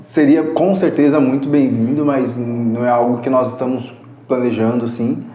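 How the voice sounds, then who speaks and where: A man's voice: medium pitch, fairly even intonation, moderate pace, faint music behind. A Brazilian man in his thirties telling heartfelt personal stories as a podcast guest. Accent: Brazilian Portuguese. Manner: earnest, heartfelt storyteller. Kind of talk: casual storytelling interview. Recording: echoey room, muffled sound.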